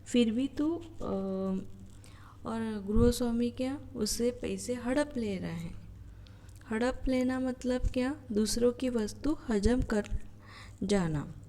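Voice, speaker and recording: A woman's voice: on the high side, slow pace, dark tone. A woman teacher explaining a school reading lesson word by word, often checking in with a questioning hum, recorded on a phone. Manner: explains words, keeps asking "hmm?".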